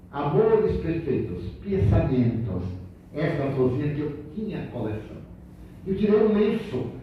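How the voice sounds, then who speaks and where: A man gives a storytelling religious lecture at a spiritist center. He is animated and acts out the dialogue in the first person. The sound is distant and lo-fi, in an echoey hall. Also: a little high, a little hiss or hum.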